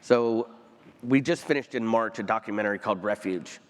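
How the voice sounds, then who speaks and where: A man's voice: on the low side, big-room sound, noisy background. Earnest man speaking onstage, emotional. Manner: earnest, emotional, pausing often. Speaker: panel guest. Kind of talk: onstage conversation. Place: conference stage.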